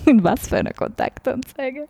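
A woman with a Viennese accent, a cabaret artist talking as a guest in a casual interview, lively, laughing often and searching for her words. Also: high-pitched, gravelly, husky, dry recording. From Austria.

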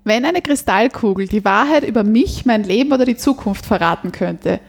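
A woman's voice: mid-range voice, animated, moderate pace, gravelly. A woman hosting a podcast, reading out questions and prompting her guests with curiosity. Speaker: podcast host.

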